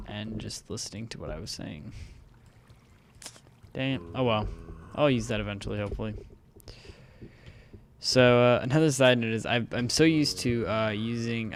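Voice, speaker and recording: A man's voice: medium pitch, moderate pace, gravelly. A young man hosting a gaming video, rambling casually through gameplay commentary and often correcting himself mid-sentence on a desktop mic at home. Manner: rambling, self-correcting, chatty. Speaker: gaming channel host. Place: home room with a fan running. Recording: faint background fan noise.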